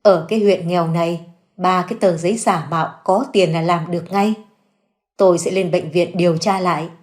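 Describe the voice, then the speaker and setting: A woman's voice: fairly low pitch, steady tone, moderate pace, darkish tone, natural voice. A woman voicing an elderly widow who questions her accuser in a firm, cold tone. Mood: suspicious.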